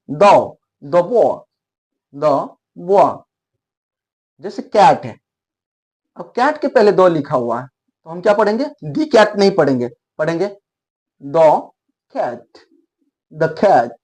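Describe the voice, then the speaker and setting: A man with a Hindi accent teaching English pronunciation, repeating words slowly for his students. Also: fairly high pitch, darkish tone. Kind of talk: explaining lesson.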